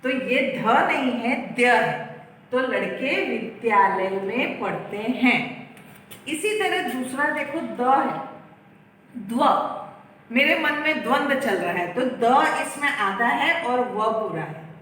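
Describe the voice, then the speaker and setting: A woman's voice: a little high, lively intonation, slow, fairly bright tone, slight background noise. A woman teacher patiently explaining how to write and pronounce letters, step by step, in a lesson. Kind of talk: Hindi grammar lesson. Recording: echoey room, far from the mic.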